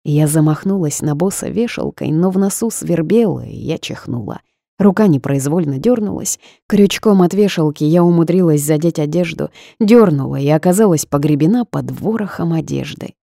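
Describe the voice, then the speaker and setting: A woman with a deep, gravelly voice reads a romance novel aloud. Her tone is dark and mellow, recorded close and dry, and she acts out each character. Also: moderate pace, dry recording. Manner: expressive, jumps higher and louder for the heroine. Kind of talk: audiobook narration acting all roles.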